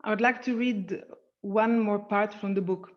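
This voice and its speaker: A woman's voice: mid-range voice, steady tone, normal speed. Author telling her story over a dull call. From Palestine. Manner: candid storytelling with fillers. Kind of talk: virtual book event conversation. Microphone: video call. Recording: dull lo-fi video call audio.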